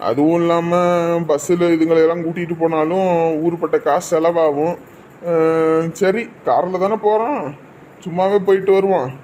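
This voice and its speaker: A man's voice: fairly high pitch, steady tone, moderate pace, dark tone, a little hiss or hum, lightly acted. A man playing a bossy husband who scolds and threatens in a comic sketch. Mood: blustering. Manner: blustering, scolding. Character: bossy husband threatening his brother-in-law.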